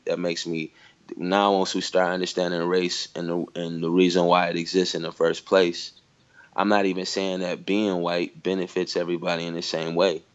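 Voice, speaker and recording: This Michigan man has a low voice, caught on a muffled recording. Chatting casually, he reflects out loud, his speech packed with "you know" and "like."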